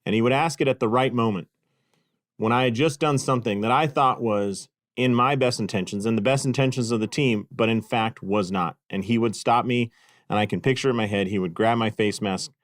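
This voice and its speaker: A middle-aged man hosts his podcast and tells stories in a casual, self-deprecating way, full of fillers and restarts. His voice sits at an ordinary pitch and comes across close and dry on the microphone. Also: dry recording. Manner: animated, self-deprecating storyteller with frequent fillers. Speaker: podcast host and clinic consultant. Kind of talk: casual storytelling monologue.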